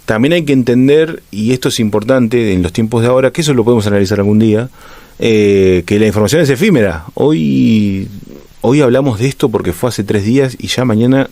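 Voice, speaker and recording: A man in his thirties with an Argentine accent, talking thoughtfully as a radio columnist, often pausing and restarting. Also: mid-range voice, a little mellow, no room sound. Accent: Argentine Spanish. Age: 30s. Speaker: guest columnist. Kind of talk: casual radio talk. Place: radio studio.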